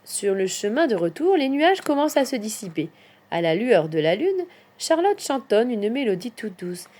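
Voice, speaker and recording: A woman narrating a children's Christmas story in an expressive storyteller's manner. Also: a little high, moderate pace. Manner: expressive, lilting.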